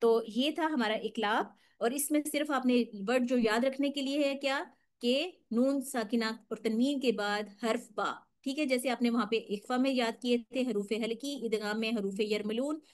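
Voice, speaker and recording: A woman teaching tajweed in an online lesson, explaining patiently step by step and modelling slow, drawn-out recitation. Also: a little high.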